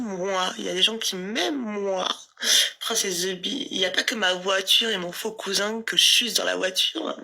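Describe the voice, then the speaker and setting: A woman's voice: mid-range voice, vocal fry, sharp tone. A woman livestreaming from her phone, ranting at rivals in a boastful, taunting way. She keeps repeating "you understand?" and drops into scornful mutters and whispers.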